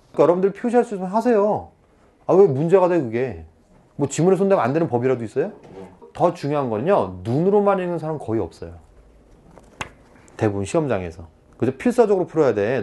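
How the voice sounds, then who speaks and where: A man lectures exam students in a chatty, animated way. His voice sits fairly high and swings widely in pitch. He keeps checking in with the class and acts out little scenes as he explains. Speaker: Korean-language exam tutor.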